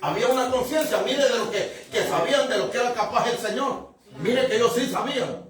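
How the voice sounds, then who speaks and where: A male pastor with a high voice preaches from the Bible in a loose, chatty way, chuckling and calling out to his listeners. He breaks into sudden shouts to drive points home. The sound is very echoey and distant, picked up from far across the church. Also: expressive, brisk. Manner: conversational, often chuckling and calling out to the congregation; rises to sudden shouts for emphasis. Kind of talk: Bible-reading sermon. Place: church sanctuary. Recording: very echoey room, mic from afar.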